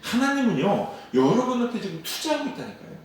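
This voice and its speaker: A man's voice: sits high, sing-song, fast talker, recorded from a distance, a little hiss or hum. A man preaching a sermon as pastor, acting out quoted dialogue and asking the congregation questions. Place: church sanctuary at a dawn service. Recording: echoey church sound from away from the mic.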